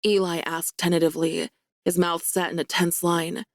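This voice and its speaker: A woman's voice: lowish voice, moderate pace, no echo, clean studio sound. Wry woman narrating an audiobook. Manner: wry, lively and self-mocking. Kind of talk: first-person romance audiobook narration.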